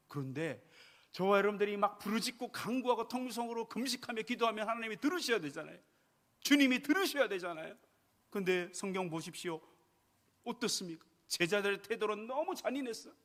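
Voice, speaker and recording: A male pastor preaching a sermon, asking rhetorical questions and swinging between hushed and loud delivery. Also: high voice.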